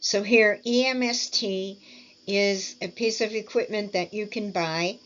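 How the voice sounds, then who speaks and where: A woman teaching speech and swallowing exercises, over-articulating practice words and clearing her throat often. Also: mid-range voice, steady tone, fairly bright tone, lo-fi sound, a little hiss or hum. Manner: deliberate, over-articulated word drills with frequent throat clearing. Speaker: speech therapy instructor. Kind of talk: slow instructional walkthrough.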